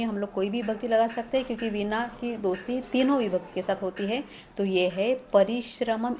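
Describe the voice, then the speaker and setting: A woman's voice: mid-range voice, darkish tone, a little hiss or hum. A woman teaching a Sanskrit grammar lesson, explaining step by step and asking and answering her own questions. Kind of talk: exam-prep grammar lesson.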